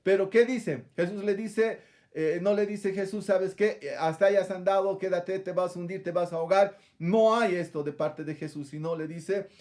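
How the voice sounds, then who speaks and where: A man's voice: high voice, moderate pace, darkish tone. A man preaching a sermon, retelling a scripture passage and calling his listeners brother, with frequent rhetorical questions.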